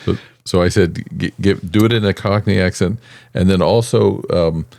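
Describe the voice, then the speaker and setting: A man co-hosting a casual chat podcast, easygoing and quick to laugh at himself. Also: deep voice, steady tone, vocal fry, a little mellow, no echo, clean studio sound. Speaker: podcast co-host.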